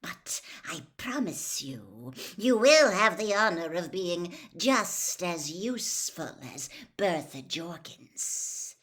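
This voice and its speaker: Woman voicing Lord Voldemort, silky, slow, cruel. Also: on the low side, sing-song, a bit bright, full character voice. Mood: cruelly amused. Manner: silky, mocking, deliberate. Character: cold, cruel, silky dark lord, male, menacing. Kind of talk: storybook villain read aloud.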